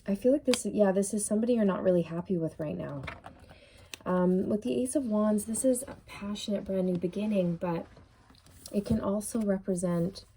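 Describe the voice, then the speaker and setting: In poor audio with slight background noise, a woman with a warm, mid-range voice gives a casual tarot reading. She muses slowly with many fillers and says her voice is going.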